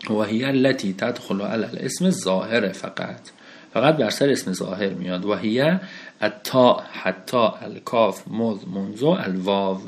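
Man, grammar teacher, lively explaining, rhetorical questions, slow reading of Arabic phrases. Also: lowish voice. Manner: lively explaining, asks and answers his own questions; reads Arabic textbook phrases slowly, then explains them. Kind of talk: recorded classroom lesson.

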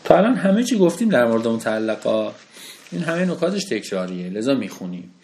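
A man teaching Arabic grammar in a recorded lesson. He reads Arabic phrases slowly, then explains them, often asking a question and answering it himself. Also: mid-range voice. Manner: lively explaining, asks and answers his own questions.

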